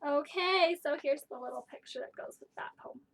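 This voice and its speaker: A high-voiced woman gives a poetry lesson for little kids. She speaks in a broad singsong way, with simple explanations and carefully emphasized sounds, like a teacher reading aloud to a class. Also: flat delivery, fast, gravelly, darkish tone, husky. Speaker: teacher of young children.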